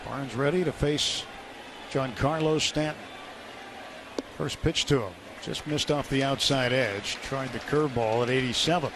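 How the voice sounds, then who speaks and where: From a stadium broadcast booth, a man calls baseball play-by-play live on radio in short, clipped phrases, at medium pitch and a measured pace. Steady stadium noise and ballpark ambience sit behind his voice.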